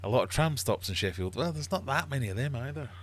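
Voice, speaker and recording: A fast-talking, expressive middle-aged man with a medium-pitched voice and a Glaswegian Scottish accent hosts a livestream as quizmaster. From Glasgow, Scotland, he chats casually and ramblingly while reading viewer comments.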